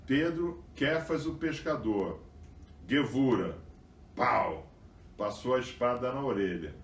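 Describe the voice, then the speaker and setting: Recorded far from the mic with a roomy sound and some hiss or hum, a medium-pitched man teaches a Bible study. The religious teacher constantly tags his sentences with "tá?" and "né?" and reads passages aloud with emphasis.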